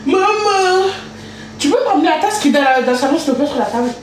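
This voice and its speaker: Playful high-pitched woman, casual livestream host cooking at home; very echoey room with background noise. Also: animated, rapid-fire, a little mellow. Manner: playful, sings and chants to herself. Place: home kitchen.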